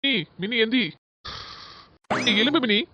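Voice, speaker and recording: A woman's voice: fairly high pitch, measured pace, sharp tone. A woman voicing a concerned, coaxing grown son in a comedy cartoon, pleading insistently with a southern Tamil Nadu accent, in muffled, noisy audio. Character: concerned, coaxing adult village son and husband. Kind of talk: comedy skit voice acting. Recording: muffled audio with hiss and clicks.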